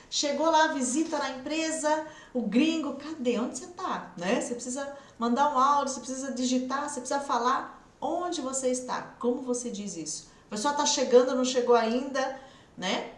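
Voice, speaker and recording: Her voice sits high, and the sound is roomy, with the microphone placed far away. She's a teacher from interior São Paulo state, Brazil, whose countryside accent comes through as she coaxes online English students through drill questions.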